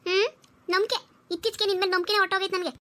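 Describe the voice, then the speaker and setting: [name], a woman voicing a sharp-tongued young wife. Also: very high voice, fairly even intonation, racing. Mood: accusing. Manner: scolding and sharp. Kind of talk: cartoon voice acting.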